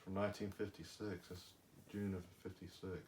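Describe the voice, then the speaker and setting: A middle-aged man casually talking through his graded comic collection in slow, measured explanations with some filler words. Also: sits low, flat delivery, a little mellow, a little hiss or hum. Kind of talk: casual chat.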